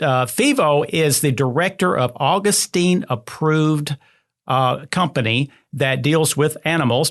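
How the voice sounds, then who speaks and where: A man's voice: a little high, fairly bright tone. A man hosting a podcast interview, talking in a rambling way with many fillers and restarts. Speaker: podcast host.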